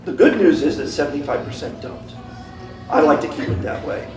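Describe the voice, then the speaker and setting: A community activist delivers an impassioned public speech, pressing repeated calls to action in a slightly high voice with big pitch swings and a fairly quick pace. The room is echoey, the mic distant, and music plays behind him.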